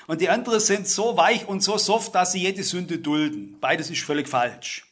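Middle-aged male preacher, emphatic sermon delivery, high and sharp-toned. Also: normal speed, slightly rough. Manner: emphatic, swings between loud stress and low asides.

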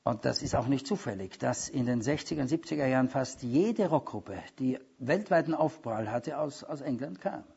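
A man preaching a sermon, emphatic, with loud stressed words and quieter asides. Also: medium pitch, expressive, normal speed, vocal fry, hardly any pauses, slightly rough. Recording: dull lo-fi recording.

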